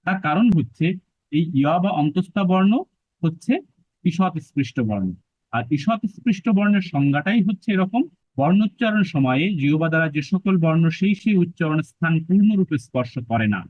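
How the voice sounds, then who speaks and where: A man with a fairly high voice teaching pronunciation, patiently sounding out syllables again and again. The sound is dry and narrow, like a phone line. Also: animated, no room sound. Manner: patient, repeats syllables slowly to demonstrate. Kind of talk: explanatory lesson.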